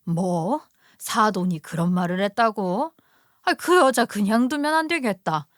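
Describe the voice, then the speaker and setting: A woman's voice: medium pitch, animated, unhurried, no echo, clean studio sound, close to an everyday voice. A woman voicing a middle-aged mother who fiercely defends her daughter in a dramatized story reading. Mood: indignant. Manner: worried, then indignant on her daughter's behalf.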